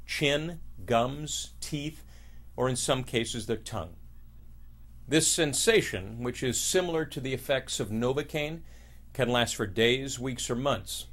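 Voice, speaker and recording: A man playing a calm oral surgeon, explaining in measured, formal scripted narration. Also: medium pitch. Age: 50s. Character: calm middle-aged male oral surgeon advising patients. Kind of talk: scripted patient-education narration.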